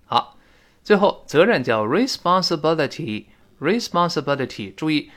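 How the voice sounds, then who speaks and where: A male English teacher giving an audio lesson, explaining pronunciation and slowly repeating English phrases to model them. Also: a little high, sing-song, fairly bright tone.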